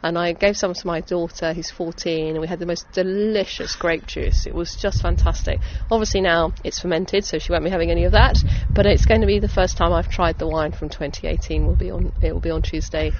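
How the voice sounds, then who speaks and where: In a casual interview, an enthusiastic middle-aged vineyard owner from Essex, England, speaks with a southern English accent. Her lowish voice holds a steady tone, fairly quick with few pauses, on a dull lo-fi recording marked by background noise.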